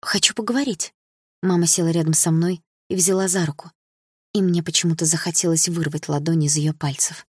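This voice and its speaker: A woman reading a first-person novel aloud in an even, measured way. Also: low voice, husky, no echo, clean studio sound. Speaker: audiobook narrator.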